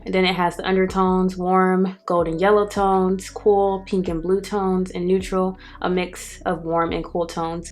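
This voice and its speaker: Soft music plays behind a woman with a slightly low voice. She chats casually and directly to her viewers as a beauty vlogger giving a makeup review. Her speech is slightly affected by the retainer she is wearing. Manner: chatty, addresses viewers directly. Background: background music.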